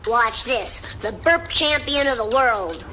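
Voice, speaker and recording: A woman's voice: mid-range voice, slow pace, noisy background, close to an everyday voice. A woman voicing a cocky, mischievous cartoon schoolboy with a boastful drawl. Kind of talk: animated cartoon acting.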